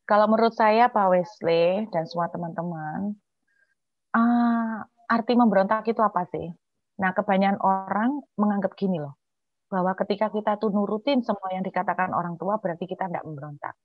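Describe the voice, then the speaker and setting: A woman speaking earnestly in an online church discussion, with many filler sounds and a voice that drops softly at times. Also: medium pitch, moderate pace, no echo, dull audio, soft background music. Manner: earnest, with frequent filler sounds, softening to hushed tones when quoting herself. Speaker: church speaker answering questions.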